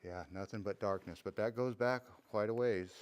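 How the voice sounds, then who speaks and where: A man's voice: fairly low pitch, normal speed, clean tone. A man casually narrating his own travel vlog in a playful, jokey tour-guide way, filming on a handheld camera. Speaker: travel vlogger. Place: cave and outdoor mountain trail.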